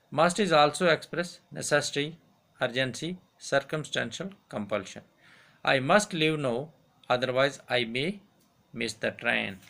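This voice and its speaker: A male teacher with a gravelly, creaky voice, pitched mid-range. He reads grammar rules and example sentences aloud, saying each one twice at a deliberate dictation pace. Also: bright, forceful tone. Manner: repeats each example sentence slowly, switches to Hindi to explain. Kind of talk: grammar lesson, read aloud and repeated.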